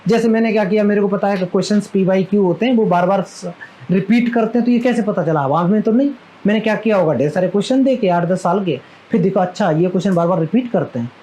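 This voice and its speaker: A man with a notably high voice teaches maths to a live class. He talks in a chatty, fondly scolding way and keeps tossing questions at his students. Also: fast, warm tone, low-quality recording.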